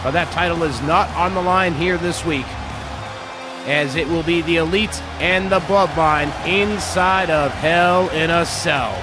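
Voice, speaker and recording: A man gives play-by-play as host of a wrestling game show. His voice is fairly high and his delivery is chatty, improvised and excited, with music playing clearly behind him. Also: measured pace. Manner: chatty, self-deprecating, improvised.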